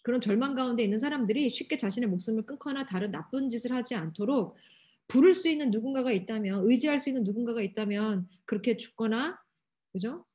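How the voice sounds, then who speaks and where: A woman youth pastor giving a lively sermon to teenagers, asking them many questions and acting out quotes. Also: on the high side, quick pace, breathy edge. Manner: asks the audience many questions, acts out quotes animatedly. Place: church hall.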